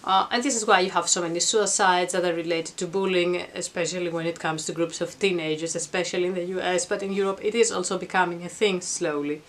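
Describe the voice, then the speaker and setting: A middle-aged woman vlogs from the attic of her home, giving an earnest, reflective explanation to camera in a conversational style. She speaks quickly with few pauses, her lowish voice keeping a steady tone.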